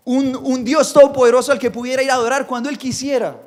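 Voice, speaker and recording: A male pastor preaching a sermon, animated and acting out the voices he quotes. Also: very high-pitched, fast. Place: church. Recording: church hall reverb.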